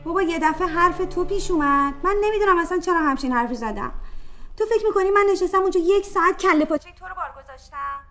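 A high-voiced chatty young woman. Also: expressive, fairly bright tone. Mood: pleading. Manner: quick, emphatic, pleading when scolded. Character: chatty young woman, excitable then defensive. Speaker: film character on a phone call. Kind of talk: feature-film dialogue. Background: film score music.

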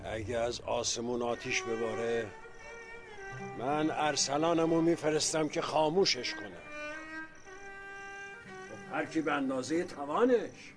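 An actor playing a weary, secretive older village father who talks gravely in proverbs, in a radio drama. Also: fairly high pitch, lively intonation, long pauses, music in the background, close to an everyday voice. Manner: solemn, speaks in proverbs. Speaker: village elder and retired folk singer.

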